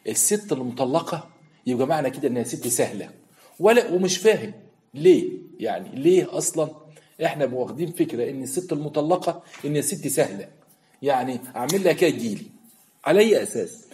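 An Egyptian man telling a story as a show host, firing off quick, indignant rhetorical questions. His voice is dark and mellow, and he talks at a brisk clip. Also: mid-range voice, animated. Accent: Egyptian Arabic. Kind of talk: storytelling commentary.

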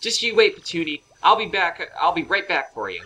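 A man voicing a meek, flustered young male creature in a high, protesting voice. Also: very animated, a little fast, sharp tone, breathy edge, heavily acted, rough recording. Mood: earnest.

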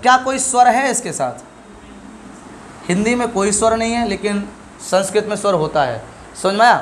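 A man's voice: high voice, normal speed, slight background noise. A middle-aged male teacher giving a classroom lesson, asking questions and answering them himself while drilling sounds.

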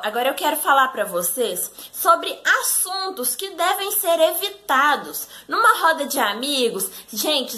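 Bright high-voiced Brazilian woman vlogger. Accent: Brazilian Portuguese. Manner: chatty, keeps addressing the audience directly. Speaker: etiquette vlogger. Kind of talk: casual advice talk to viewers.

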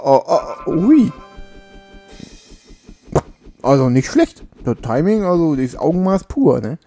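A man's voice: mid-range voice, warm tone. A man giving casual, joking commentary while he plays a video game at home on a makeshift mic, scolding his character now and then. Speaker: let's play gamer. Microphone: makeshift home mic setup.

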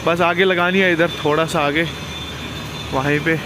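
A man's voice: fairly high pitch, steady tone, unhurried, background noise. A young man in his twenties, a truck driver vlogging casually and chatting as he explains his work, filmed on a handheld phone outdoors in a loading yard. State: tired. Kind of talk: casual vlog commentary. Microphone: phone camera held by hand.

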